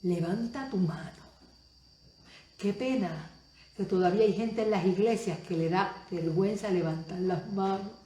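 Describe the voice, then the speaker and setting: A woman preacher delivering a Spanish-language sermon, moving between soft asides and loud exclamations and asking the audience many questions. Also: mid-range voice, measured pace, reverberant.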